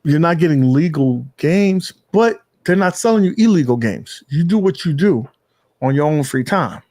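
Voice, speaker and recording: A man co-hosting a casual gaming podcast, his voice sitting a bit high for a man. He rambles in an animated way, restarting sentences and dropping the odd curse word. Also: normal speed. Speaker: podcast host. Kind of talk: casual chat.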